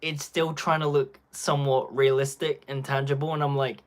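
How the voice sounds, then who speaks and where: A man's voice: mid-range voice, little pitch movement, normal speed. A young man giving casual live-stream commentary on a phone, rambling and packing his talk with filler words.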